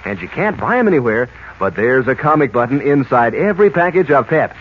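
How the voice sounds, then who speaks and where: A man on an old radio show giving a chummy, upbeat sales pitch, his intonation lively and swinging. The recording is dull and lo-fi, with a faint hiss underneath, like an archive broadcast. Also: fairly quick. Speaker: radio announcer. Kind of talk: 1940s radio commercial.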